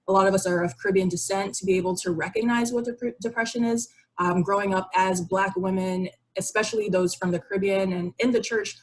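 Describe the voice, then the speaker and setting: Over a video call with shared slides, a young-adult psychiatry resident from Barbados gives an informal, explanatory educational presentation in a conversational way. Her voice sits in the mid-range, and the audio is poor.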